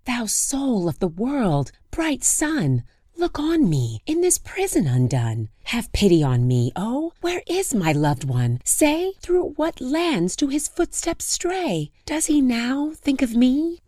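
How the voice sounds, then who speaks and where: A woman's voice: big pitch swings, dark tone, no echo, clean studio sound, exaggerated voice. Woman voicing a pleading captive princess. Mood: plaintive pleading. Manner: slow, high, singsong pleading verse. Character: grieving captive young princess, lovesick and pleading.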